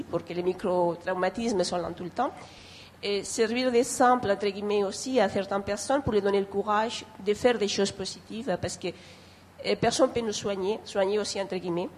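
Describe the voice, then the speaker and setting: Her voice is mid-range with a darkish tone, and there's a little hiss or hum in the recording. Speaking off the cuff at a public discussion with a foreign accent, she isn't a native French speaker, and she earnestly, hesitantly repeats phrases as she hunts for words.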